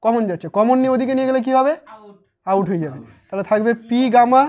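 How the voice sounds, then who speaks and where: In a lo-fi recording, a man from West Bengal, India, runs a casual whiteboard physics lesson. His very high voice moves at a quick pace as he chats, teases, and quizzes students before answering for them.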